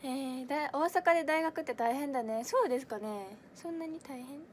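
A woman's voice: high voice, brisk, a little hiss or hum. A young woman in her twenties with a Kansai accent, chatting casually on a livestream, giggly and full of fillers as she answers viewer comments. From Kansai, Japan. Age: 20s. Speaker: idol audition livestreamer.

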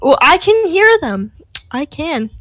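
A young woman with a slightly high voice chats casually on a podcast. She tells rambling stories full of fillers. She teases her co-hosts. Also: big pitch swings, slow, dry recording, low-quality recording. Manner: chatty storyteller, teasing, lots of fillers. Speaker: podcast co-host. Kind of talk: casual chat.

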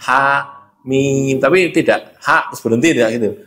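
A man's voice: mid-range voice, moderate pace, fairly bright tone, roomy sound. A man with a Javanese accent teaching Quran reading at a religious study, explaining patiently and chanting letters aloud. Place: mosque.

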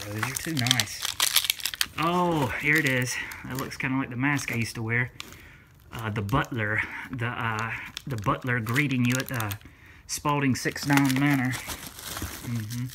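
A man talks loosely to his camera at home, rambling, cursing and perking up with delight as he opens things. Loud crinkling paper and clicks sit clearly behind his voice. His pitch sits in an ordinary middle range. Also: unhurried, noisy background. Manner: rambling, swears freely, excitable. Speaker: vlogger unboxing a gift. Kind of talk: casual unboxing chat. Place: home room.

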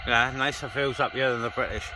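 Speaking fairly quickly in a steady, medium-pitched voice, this CB radio enthusiast makes a vlog beside his car on windswept open moorland. His talk is casual and colloquial, aimed at a handheld phone or camera with an operator behind it. Vehicle noise and ambient sound fill the outdoor recording.

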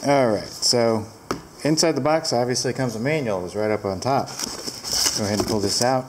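Very low-voiced woman reviewing a heater. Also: moderate pace, very noisy. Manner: relaxed, rambling, with fillers. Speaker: product reviewer. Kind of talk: casual product review. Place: large barn indoors, door open to wind. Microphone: handheld camera.

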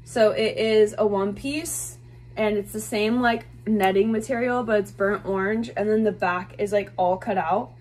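A woman in her twenties, a fashion vlogger, chats to the camera from a small bedroom with a bed, gushing about her thrifted clothes and saying "like" a lot. Her mid-range voice sounds steady and somewhat dark, and she speaks at a measured pace.

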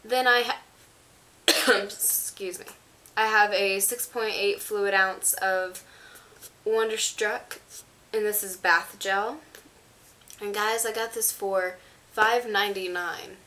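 Slow and full of long pauses, her mid-range voice is bright and forceful with fairly even intonation. She's a teenage vlogger, stuffy and under the weather, showing off items in a rambling, casual way to a camera set on a stand in her small bedroom.

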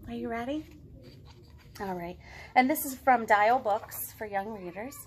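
Speaking at a measured pace, a woman with a fairly high, expressive voice reads a story aloud to young children from her home living room. She's in her thirties, a children's librarian hosting storytime and talking right to the kids, with slight background noise behind her.

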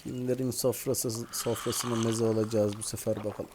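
A man giving casual, joking commentary over his own gameplay, often talking to the characters on screen. His voice sits at an ordinary middle pitch, with a faint hiss in the background. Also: little pitch movement, normal speed. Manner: playful, joking, talks to the game. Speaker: gaming video host. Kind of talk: casual let's-play commentary.

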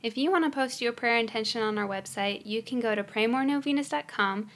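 A woman hosting a prayer podcast, reading scripted prayers in a slow, measured, prayerful way. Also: on the high side, fairly bright tone. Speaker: podcast host leading prayer.

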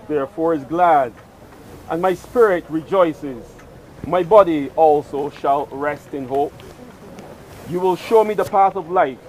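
A man's voice: fairly high pitch, low-quality recording. A clergyman solemnly declaiming scripture and prayers at an outdoor funeral. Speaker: officiating clergyman. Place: outdoor cemetery graveside. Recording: outdoor recording with noticeable background noise.

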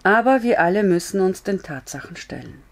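A woman's voice: mid-range voice, expressive, brisk, natural voice. A woman reading a story aloud, voicing a frank, blunt but comforting young woman in an earnest, raised voice.

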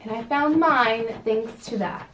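Casting note: woman in her twenties from California, relaxed unhurried chat, echoey room with faint hiss. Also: fairly high pitch, far from the mic. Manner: chatty and sassy, lots of ums. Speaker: vlogger. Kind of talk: casual chat. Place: home room.

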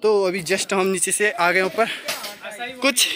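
A man's voice: high voice, slow pace, a crowd in the background. Young man vlogging on a hill walk. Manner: chatty, narrating while walking. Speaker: travel vlogger. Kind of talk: casual vlog narration. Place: outdoors at a hill temple. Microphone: handheld phone camera.

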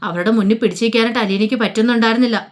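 Fast-talking woman storyteller. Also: a little high. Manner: rapid, casual retelling. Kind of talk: colloquial story narration.

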